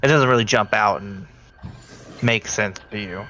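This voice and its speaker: Running a tabletop horror game as game master, a man talks in a halting, conversational way. His voice is on the low side with a sharp tone.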